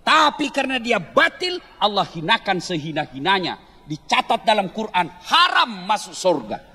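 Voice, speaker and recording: A man preaching a lively, humorous sermon to a crowd, teasing and joking with the audience before turning earnest. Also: high voice, normal speed, husky. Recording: long hall reverb.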